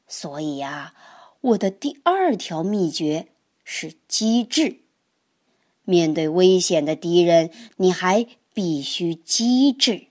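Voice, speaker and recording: A woman voicing a wise old male grandpa toad in a children's storybook, speaking slowly. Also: sing-song, darkish tone, heavily acted. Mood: calm. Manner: slow, low, drawn-out speech.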